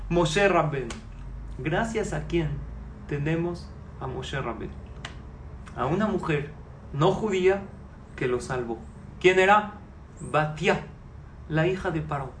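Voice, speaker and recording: A man in his forties leads a religious class before a live audience, his voice sitting a little high for a man. He keeps it animated and peppers the room with rhetorical questions. The sound is roomy and echoey, with a faint hum of noise underneath. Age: 40s. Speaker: Torah teacher.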